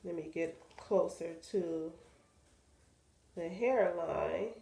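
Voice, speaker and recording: A woman's voice: fairly low pitch, slow pace, creaky, dark tone. Nasal-sounding woman in an echoey room. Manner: chatty, talks to viewers while working. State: stuffy, nasal from sinus trouble. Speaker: wig seller demonstrating a wig install. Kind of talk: casual how-to vlog chat.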